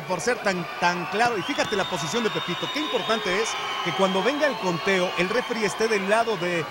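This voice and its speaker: Male wrestling commentator, Mexican accent, high voice, theatrical emphatic delivery, very noisy arena crowd. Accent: Mexican Spanish. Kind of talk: dramatic live lucha libre commentary. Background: loud crowd and arena noise.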